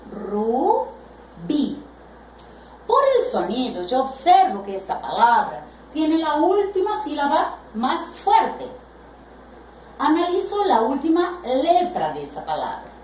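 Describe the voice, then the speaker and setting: A woman teaching a grammar lesson, speaking deliberately and stretching out the example words she stresses. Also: high voice, a little mellow, slight background noise. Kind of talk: slow explanatory Spanish grammar lesson. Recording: echoey room, voice from a distance.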